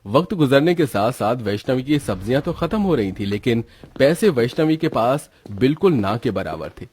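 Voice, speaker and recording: A man narrating a story in a steady, scripted storytelling manner with a husky voice. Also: medium pitch, normal speed.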